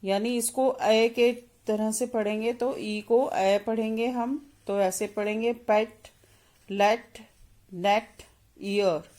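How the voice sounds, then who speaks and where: Very slow-spelling woman teacher. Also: fairly high pitch, fairly even intonation, darkish tone. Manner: spells out letters then says each word slowly and deliberately. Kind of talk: slow phonics lesson, spelling words letter by letter.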